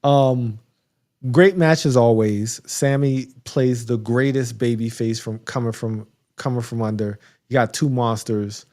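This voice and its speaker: A man with a mellow, warm voice co-hosts a casual podcast and walks through wrestling results in a loose, rambling way. He restarts sentences often and breaks into small laughs, sounding slightly hiccupy. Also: medium pitch, unhurried. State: has the hiccups. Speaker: podcast co-host. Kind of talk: casual wrestling recap chat.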